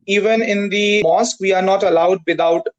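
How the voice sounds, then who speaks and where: A man from Pakistan practicing English over a video call, speaking carefully with many "uh" pauses. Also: high-pitched, steady tone, muffled recording. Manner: careful, hesitant, frequent "uh" pauses. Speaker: English learner. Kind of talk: conversation practice.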